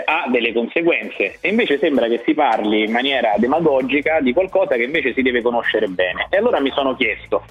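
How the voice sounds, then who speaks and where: A man, a sports journalist, giving his opinion as a guest on a radio programme. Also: mid-range voice. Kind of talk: spoken opinion commentary. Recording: husky, dull lo-fi remote line.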